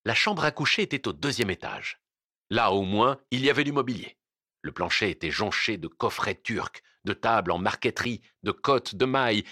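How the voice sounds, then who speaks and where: A man narrating an audiobook in an expressive, dramatic reading on a close mic. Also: mid-range voice, dry recording.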